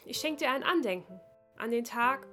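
A woman's voice: fairly high pitch, expressive, moderate pace, a bit bright, soft background music, voice pushed up. A woman voicing a shy little male mole schoolboy who stammers and hesitates. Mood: flustered.

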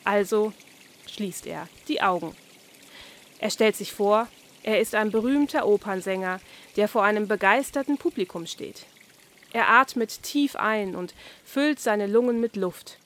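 A woman reading a children's story aloud in a lively, expressive way. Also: mid-range voice, a little slow. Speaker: narrator.

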